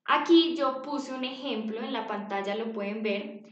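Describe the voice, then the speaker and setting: A woman's voice: fairly high pitch, normal speed. A woman teaching an English lesson to young children, patient, repeating words for them to copy. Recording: dull, echoey home recording.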